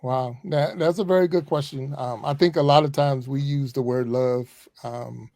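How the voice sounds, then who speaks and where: A man in his fifties, a former pastor, talking casually as a podcast guest, chatty and relaxed with frequent chuckles. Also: mid-range voice, normal speed, dry recording. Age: 50s. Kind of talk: casual conversational interview.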